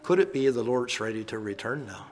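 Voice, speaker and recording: A man's voice: medium pitch, lively intonation, fairly quick, a little hiss or hum. A man in his fifties, a minister giving a reflective sermon and reminiscing about the past. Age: 50s.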